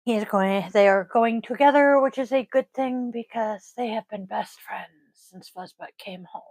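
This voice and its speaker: A woman with a wheezy voice chats casually to viewers as host, rambling in a halting, self-deprecating way. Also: fairly high pitch, darkish tone, no echo. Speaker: host of a divination vlog. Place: indoors at a desk.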